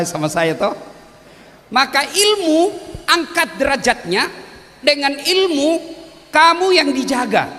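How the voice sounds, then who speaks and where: A man preaching a humorous sermon to students, telling stories animatedly and acting out the characters. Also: in a large hall. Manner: animated storytelling, acting out characters with big pitch swings.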